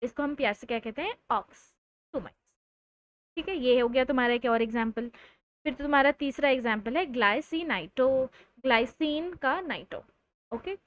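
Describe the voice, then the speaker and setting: High-voiced playful woman teaching chemistry. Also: expressive, highs cut off. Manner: playful, teasing students between explanations; stretches out key terms slowly for emphasis. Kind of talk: live online lecture.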